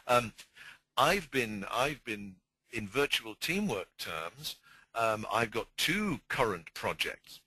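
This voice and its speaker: A man's voice: medium pitch, big pitch swings, slow pace, bright, forceful tone, slightly rough, no room sound, low-quality recording. A man, a communication trainer, explaining his ideas conversationally in an interview and often repeating words as he searches for the phrase.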